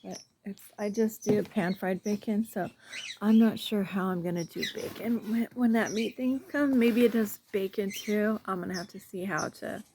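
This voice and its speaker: Middle-aged woman, casual vlogger, worn-out and rambling, gravelly tone, frequent near-whispers. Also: medium pitch, moderate pace, mellow, slight background noise. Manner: rambling, tired, often drops to a near whisper. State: tired after a night shift. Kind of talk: casual diet vlog.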